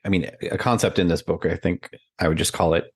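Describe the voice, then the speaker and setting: Very deep-voiced man telling a story. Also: fairly even intonation, fast talker, breathy edge, dry recording, studio quality. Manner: storytelling, laughs often, many fillers. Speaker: podcast co-host. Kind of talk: casual conversation.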